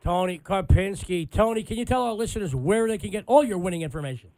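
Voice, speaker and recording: A man's voice: sits high, lively intonation, racing, darkish tone. A man hosting an AM sports talk radio show in a punchy announcer style with repeated catchphrases.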